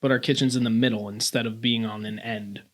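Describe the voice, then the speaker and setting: A man's voice: fairly low pitch, steady tone, brisk. An American man co-hosting a podcast, chatting casually and with a joking manner. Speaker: podcast co-host. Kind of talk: casual chat.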